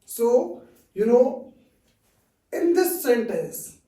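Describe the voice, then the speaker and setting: This English teacher, a man with an Indian accent, speaks at an extremely high pitch with a dark tone, very animated and drawing out his words. His slow explanatory lesson keeps repeating key phrases and checking in with "okay." The distant mic picks up a roomy echo.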